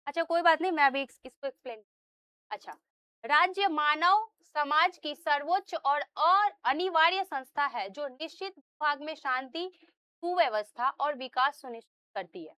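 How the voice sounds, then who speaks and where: A woman's voice: sits high, lively intonation, moderate pace, pushed and bright, no echo. A woman teacher giving a classroom lecture, explaining step by step, asking the students questions and often checking in with them. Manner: asks students questions and answers them herself.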